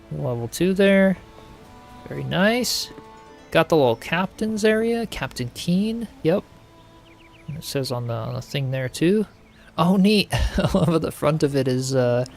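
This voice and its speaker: A slightly high, creaky male voice belongs to a streamer reacting to game builds. His casual live commentary stays upbeat, sprinkled with laughs and filler words.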